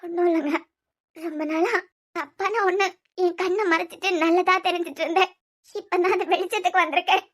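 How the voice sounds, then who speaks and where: A woman's voice: extremely high pitch, a little fast. A woman with a Kanyakumari Tamil accent voicing a heartbroken young wife in a cartoon serial, reproachful and tearful. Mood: quiet, sad. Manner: reproachful, tearful and soft-spoken.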